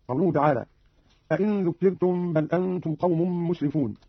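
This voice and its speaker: A man speaks quickly in a husky, slightly high voice, giving a formal explanation of recitation variants. He quotes verses in a measured, chanting lilt. The sound is dry and dull, like an old lo-fi radio archive. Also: no echo. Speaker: radio presenter of recitation readings.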